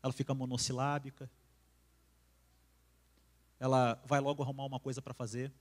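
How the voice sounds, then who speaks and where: A Brazilian man preaching a casual sermon in church, with a conversational tone that sinks soft and intimate. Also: medium pitch, level tone, normal speed. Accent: Brazilian Portuguese. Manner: conversational, acts out quarrels, drops to soft intimate tone.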